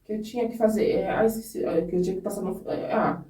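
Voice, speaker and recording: A woman's voice: mid-range voice, steady tone, fast, dark tone, distant mic. A woman guest on a podcast telling her own story in an earnest, candid way, often restarting her sentences. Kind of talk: personal storytelling in a podcast interview. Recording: echoey room, voice off-mic.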